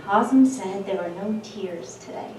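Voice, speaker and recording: A middle-aged woman speaking at a memorial with gentle, personal humor. She is heard from a distance in an echoey hall over background noise. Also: mid-range voice, normal speed. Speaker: eulogy speaker, daughter of the deceased. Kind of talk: memorial speech. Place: event hall. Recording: echoey hall from far off, noisy.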